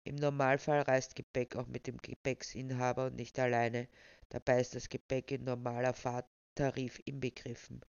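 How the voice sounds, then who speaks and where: A woman voicing a calm, pedantic male railway official who lectures in a dry, unbothered way. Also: medium pitch, moderate pace, gravelly, clean tone, no room sound, highs cut off, voice pushed down, close to an everyday voice.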